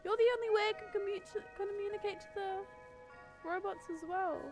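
A young woman streaming a game, reacting excitedly and swearing often. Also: very high-pitched, moderate pace, faint music behind. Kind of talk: live game stream commentary.

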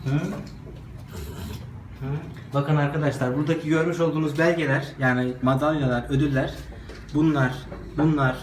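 A man vlogging casually and excitedly, cooing baby talk to puppies between remarks to his viewers. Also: a little high, normal speed, long pauses. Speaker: vlogger showing dogs. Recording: echoey room with background noise.

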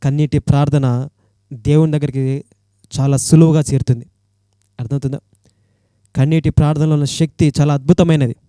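Man, Telugu accent, sermon, pleading rhetorical questions, high voice, dark mellow tone, dry close sound. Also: steady tone, brisk, long pauses, clear, resonant tone, no room sound. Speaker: preacher.

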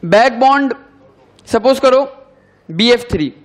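During a classroom chemistry lesson, a young man with a high voice reads out definitions at a slow pace, saying each one twice for note-taking. He's expressive, and his voice sinks as he finishes every key term.

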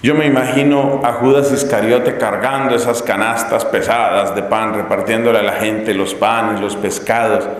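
A man from Colombia preaching a teaching sermon, telling stories dramatically and acting out the voices of crowds and characters. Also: medium pitch. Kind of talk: classroom sermon. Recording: echoey hall with long reverb.

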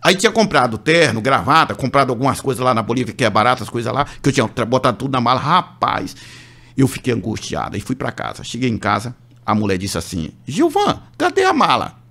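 A man's voice: mid-range voice, quick pace. A man from Brazil, a pastor, telling a testimony on a radio show and acting out the voices of the people in his story. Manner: animated, acts out voices of others in the story.

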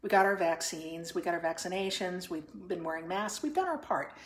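A woman's voice: lowish voice, expressive, fairly quick. A woman singer-comedian chatting loosely between songs on her own live stream, with wry asides and plenty of ums. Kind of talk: casual chat between songs. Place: her living room at home. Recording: roomy living room with guitar. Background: guitar.

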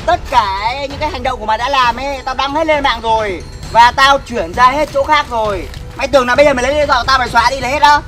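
A man harangues someone outdoors in a staged skit. His threats pour out very fast, and his voice sits high. Music plays underneath him. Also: sharp tone. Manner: scolding, rapid-fire threats. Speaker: vlogger confronting a thief. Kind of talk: staged street confrontation skit.

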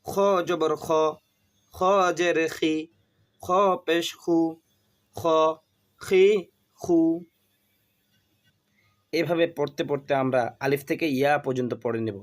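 A man teaching a reading lesson, spelling each syllable aloud and repeating it in a slow drill. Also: a little high, flat delivery.

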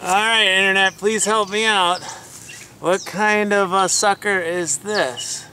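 A man in his forties, fishing from an outdoor riverbank, chatting excitedly to the camera and to the fish he catches. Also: sits high, slow pace, a little hiss or hum. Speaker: fishing vlogger. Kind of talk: casual narration while fishing. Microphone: chest-mounted action camera.

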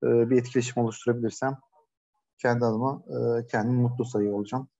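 A man's voice: mid-range voice, flat delivery, quick pace, gravelly, dark tone, dull audio. A man giving a casual online lecture from a shared coworking space, talking conversationally with many hesitations and fillers. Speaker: webinar presenter.

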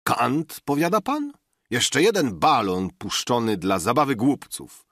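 A man's voice: mid-range voice, sing-song, unhurried, fairly bright tone, dry recording, clean studio sound, pitched above the performer's own voice, full character voice. A man doing a drunken ranting cynic. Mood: mocking. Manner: mocking, declamatory.

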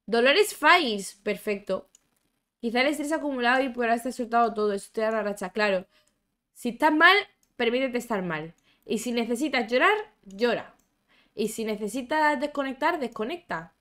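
A woman's voice: a little high, a bit bright. Chatty young woman playing a game. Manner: chatty, exclamatory, talks to her game characters and viewers. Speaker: gaming YouTuber. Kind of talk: casual gameplay commentary.

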